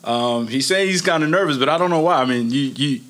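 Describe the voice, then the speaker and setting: A man's voice: fairly high pitch, fast talker, fairly bright tone. A man from Niger hosting a podcast in an informal, slangy way, chatting with rambling asides. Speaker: podcast host. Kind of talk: casual chat.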